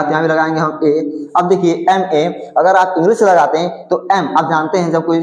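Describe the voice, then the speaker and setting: Guy teacher going over grammar, kinda high voice, keeps saying ok and repeating, room echo. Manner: explanatory, repeats points and checks with "ठीक है". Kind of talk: whiteboard grammar lesson.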